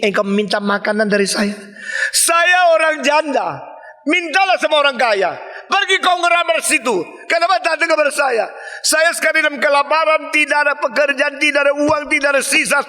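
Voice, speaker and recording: A man's voice: very high voice, pushed and bright, voice pushed up, full character voice. A man preaching, voicing a poor hungry widow who protests being asked for food and lists all she lacks. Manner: protesting, listing her lacks.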